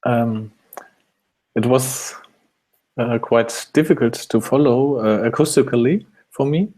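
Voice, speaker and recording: Meeting participant, a man with a mellow voice, slow and hesitant. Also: mid-range voice, poor audio. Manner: hesitant, polite, many ums. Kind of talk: casual meeting talk.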